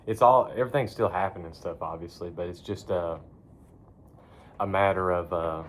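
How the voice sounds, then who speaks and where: A man chatting casually to his phone in a barn, rambling in a laid-back, folksy way with casual cursing. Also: fairly low pitch. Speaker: vlogger. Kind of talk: casual rambling chat to camera.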